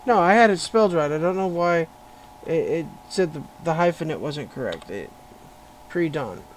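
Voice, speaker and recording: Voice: medium pitch, expressive, moderate pace. A podcaster thinking aloud while editing a story, muttering and correcting words as they go. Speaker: podcaster and writer. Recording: noisy room with constant hum.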